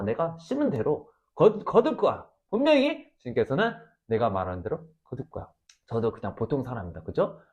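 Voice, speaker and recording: Guy preaching, super animated, voice jumps up and down a lot, loud then quiet. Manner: animated storytelling, swinging between loud exclamations and low asides. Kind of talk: revival sermon.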